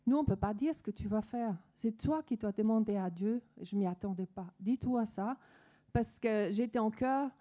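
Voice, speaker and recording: Danish-accented woman giving a soft testimony. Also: on the high side, normal speed. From Denmark. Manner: earnest, storytelling with many restarts and fillers. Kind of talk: personal testimony.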